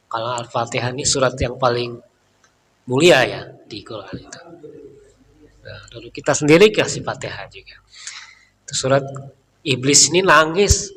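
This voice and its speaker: A middle-aged man giving a relaxed, chatty Islamic study talk in a mosque, often tagging his sentences with filler words. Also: medium pitch, a little hiss or hum. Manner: chatty, leans on filler tags. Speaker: Islamic preacher. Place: mosque hall. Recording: reverberant hall, faint room ambience.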